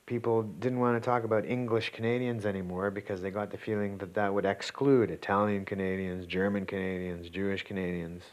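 Low-voiced man explaining a point. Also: little pitch movement, a little fast, few pauses, lo-fi sound. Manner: explanatory, checks in with "you see" and "right?". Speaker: political scientist. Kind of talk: interview commentary.

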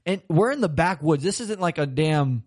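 Young guy from florida, kinda high voice, rambling and cussing through a funny story. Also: normal speed. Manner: rambling, laughing, swears a lot, animated retelling. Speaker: podcast host. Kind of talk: casual storytelling chat.

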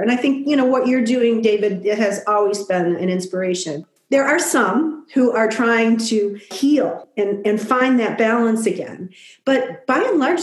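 A middle-aged woman giving a thoughtful, reflective interview answer, talking at an even pace with frequent "you know.". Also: fairly high pitch, roomy sound. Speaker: guest. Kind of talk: conversational interview.

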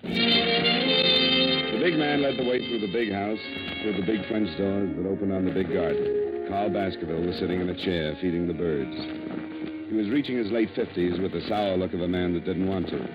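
A man's voice: low voice, sing-song, normal speed. An actor playing a dry, wisecracking insurance investigator who narrates his own case, in an old radio drama. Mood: narrating. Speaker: narrator and lead. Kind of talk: 1950s radio drama acting. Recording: dull old radio broadcast with music.

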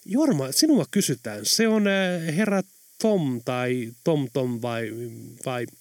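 A gentle, worried woman, read by a man. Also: a little high, very animated, no echo, studio quality. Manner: soft, concerned.

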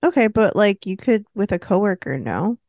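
A woman co-hosting a podcast in casual chat, coaxing and teasing her friend with lively energy. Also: mid-range voice, moderate pace, no echo, clean studio sound. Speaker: podcast co-host.

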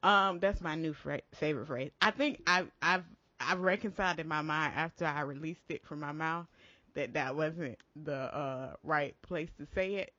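A woman's voice: deep voice, normal speed, pushed and bright, no room sound, dull audio. A woman co-hosting a talk show, chatting casually. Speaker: co-host. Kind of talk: casual chat.

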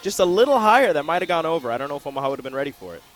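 A man giving relaxed, chatty color commentary on live volleyball for radio, breaking down how each play unfolded. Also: medium pitch, very fast, faint music behind. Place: arena broadcast position high above the court.

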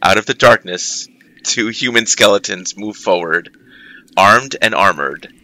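Deep-voiced, crisp male game master. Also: a little slow, bright, forceful tone, slight background noise, poor audio. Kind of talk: narrating a tabletop game.

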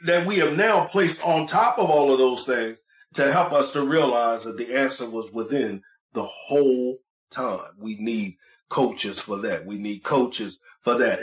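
A man's voice: medium pitch, fairly bright tone. Emphatic motivational male coach, echoey room. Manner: emphatic, repeats phrases for effect; exhorting listeners directly, preacher-like. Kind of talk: motivational speech. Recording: echoey, roomy sound.

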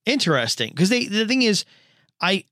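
Animated man chatting on a podcast. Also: a little high, no echo, studio quality. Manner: animated, quick asides, acts out his own reactions. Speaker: podcast co-host. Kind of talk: casual podcast chat about movies.

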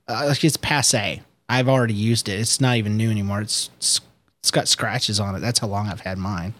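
A man's voice: fairly even intonation, moderate pace, a bit bright. A man co-hosting a casual podcast over a Skype call, joking around and breaking into silly voices. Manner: joking, breaks into high-pitched impressions and giggles. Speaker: podcast co-host. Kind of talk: casual chat.

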